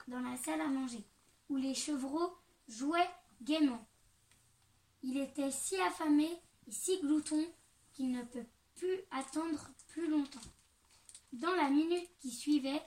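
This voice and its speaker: A woman reading a fairy tale aloud slowly and deliberately, recorded some distance from the mic. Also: sits high, darkish tone. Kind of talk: storybook narration.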